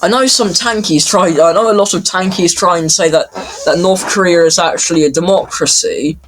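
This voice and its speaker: A man giving casual off-the-cuff commentary in a halting way, stammering and repeating words. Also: high-pitched, fairly bright tone, a little hiss or hum, low-quality recording. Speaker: reaction commentator.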